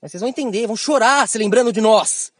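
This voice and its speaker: Brazilian man, high pitch, dry close sound, animated esoteric teacher who slips into slang and mimics others. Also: fast, no echo. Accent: Brazilian Portuguese. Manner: animated, slangy, acts out quotes in raised voices. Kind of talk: esoteric spiritual monologue.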